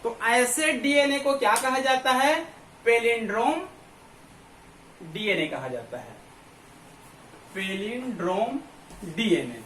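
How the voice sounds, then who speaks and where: Lecturing at a board, this biology teacher speaks slowly and expressively in an extremely high, fairly bright voice, pausing often. He is repetitive, keeps asking questions only to answer them himself, and is captured by a distant mic in an echoey room with a faint hum.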